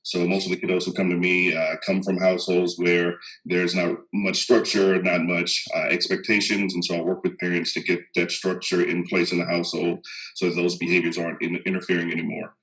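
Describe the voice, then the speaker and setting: A Texan psychologist in his thirties, with a faint accent, speaks as a guest on a panel in a low, completely flat, slightly bright voice. He's casual and measured, with lots of ums, restarts and chuckles. The recording is rough.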